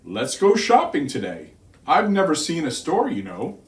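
A man's voice: huge pitch swings, normal speed. A man voicing a friendly, chuckly snowman come to life in a storybook, pleasant and courteous. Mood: eager. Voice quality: deep, chuckly as described. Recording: roomy living room, distant mic.

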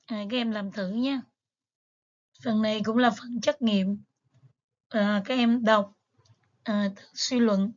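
A woman's voice: on the high side, fairly even intonation, slow, pauses often, lo-fi sound. A woman teacher, patiently going over exam material step by step with frequent fillers. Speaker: English teacher. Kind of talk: exam review lesson.

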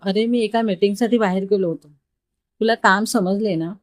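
A woman's voice: mid-range voice, fairly even intonation, moderate pace, dry recording, close to an everyday voice. A woman storyteller voicing a friendly, teasing young male coworker in a dry, close recording. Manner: easygoing, teasing.

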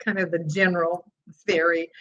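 A woman teaching laughter yoga in an interview, explaining calmly and bursting into demonstration laughs, speaking over a video call. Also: on the low side, moderate pace, dull audio, a little hiss or hum.

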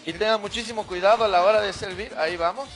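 A man cooking on a TV studio set, walking viewers through a recipe in a steady, instructive way. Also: sits high, quick pace, faint music behind. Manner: steady, instructive, gives tips. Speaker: TV cooking guest chef. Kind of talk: cooking demonstration.

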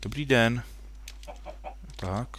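A man's voice: mid-range voice, a bit bright, slight background noise. A young man casually commenting while playing a computer game at home, rambling and correcting himself, with jokey asides. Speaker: gaming video host. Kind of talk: casual Minecraft let's play commentary.

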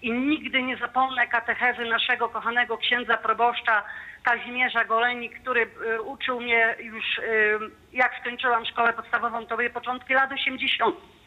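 Over a muffled phone line, a woman in her fifties calls a radio show with a fervent, devout testimony. Her pitch is fairly high, her delivery flat, her speed normal.

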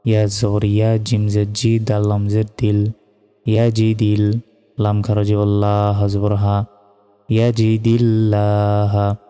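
A man teaching Quran reading, spelling out Arabic words letter by letter in a slow, measured way and chanting the verses. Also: fairly low pitch, completely flat delivery, mellow, clear, resonant tone, big-room sound, faint music behind.

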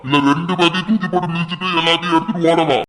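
A man's voice: on the high side, steady tone, racing, fairly bright tone, soft background music, close to an everyday voice. An actor playing a threatening young male robber who makes blunt demands. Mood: menacing.

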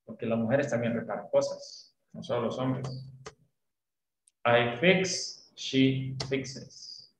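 A man's voice: medium pitch, steady tone, takes it slowly, roomy sound, a little hiss or hum, low-quality recording. A man teaching an online English class, explaining patiently and often checking that students follow. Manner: patient, often checks understanding with tag questions.

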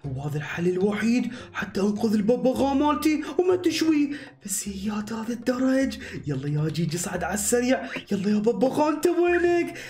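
A man voicing an excitable young hero on the run. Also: very high voice, brisk. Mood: excited. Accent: Iraqi Arabic. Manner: breathless, excitable, talks to himself. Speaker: voice actor and channel host. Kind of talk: animated game-movie voice acting. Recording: echoey room with background music.

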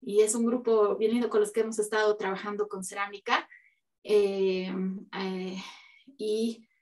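A young woman presenting her artwork on a video call, hesitant, with many fillers and restarts. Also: mid-range voice. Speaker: exhibiting artist. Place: home room. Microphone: video call, camera a few feet away.

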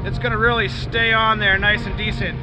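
A man's voice: high voice, little pitch movement, brisk, noisy background. A man in his thirties talking casually to an action camera outdoors on a rocky ocean jetty, explaining as he goes in an easygoing, chatty way. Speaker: fishing vlogger. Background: music under the talk.

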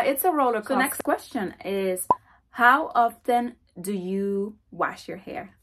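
Chatty young woman vlogging. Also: a little high. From Dominican Republic. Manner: chatty, animated, gestures while talking. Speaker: hair vlogger. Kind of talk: casual Q&A vlog talk. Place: bedroom, indoors. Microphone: camera at close framing.

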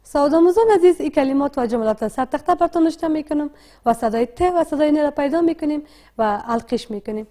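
A woman with a Dari accent teaching a literacy lesson, asking questions and answering them herself in a slow, deliberate way. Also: high voice, expressive, warm tone. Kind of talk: classroom lesson.

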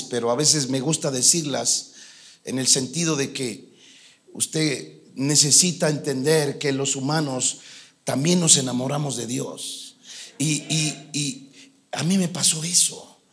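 A man, a pastor giving an earnest sermon that mixes personal testimony with bursts of loud, fervent preaching. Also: a little high. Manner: earnest, storytelling preacher swinging from soft to loud.

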